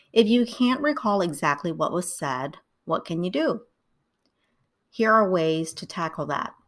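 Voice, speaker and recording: This scripted tutorial is narrated by a middle-aged woman who teaches writing; she comes from Vietnam but grew up in the US, and her lowish delivery is steady and unhurried.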